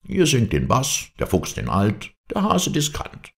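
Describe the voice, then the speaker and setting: A man's voice: fairly low pitch, huge pitch swings, measured pace, gravelly, pitched above the performer's own voice, heavily acted. A man voicing a bold, greedy wolf who talks boisterously in a storybook tale. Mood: boastful. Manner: defiant, boisterous.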